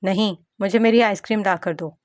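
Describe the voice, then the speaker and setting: A woman voicing a stubborn, bratty ten-year-old girl with a shrill, whiny, demanding voice. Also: moderate pace, no room sound, natural voice. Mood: bratty whining.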